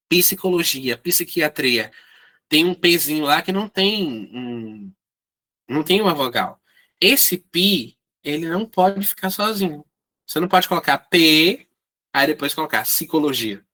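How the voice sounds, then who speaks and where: A man's voice: on the high side, sharp tone. A man teaching an online writing workshop, explaining step by step and often checking in with his students. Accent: Brazilian Portuguese.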